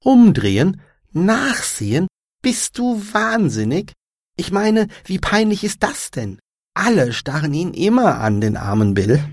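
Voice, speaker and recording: A man voicing an excitable, star-struck young woman in a dramatized story read for language learners, exclaiming in a high, breathless voice. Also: normal speed, dry recording, clean studio sound. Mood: excited.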